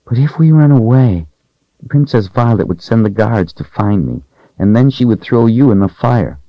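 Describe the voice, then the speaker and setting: A man voicing a timid, lonely little girl who speaks in a soft, wistful and fearful way. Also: mid-range voice, animated, normal speed, no echo, highs cut off, voice pushed up, close to an everyday voice.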